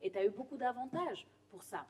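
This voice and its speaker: Lively young woman hosting a podcast. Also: a little high, fairly quick, slightly rough. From Senegal. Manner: lively, upbeat, mixes in English words. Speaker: podcast host. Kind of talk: casual chat.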